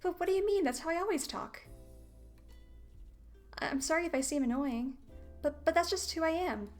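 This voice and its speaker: Woman voicing a game heroine faking a cute act; high, sugary, shy and stammering. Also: moderate pace, faint music behind. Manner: timid, stammering, sweet.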